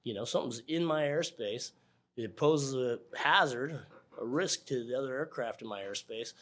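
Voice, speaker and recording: Chuckling as he goes, this interview guest, a middle-aged American air traffic controller, gives relaxed, informal answers and performs little bits of dialogue to illustrate his points. He speaks at a normal speed in a medium-pitched, slightly bright voice.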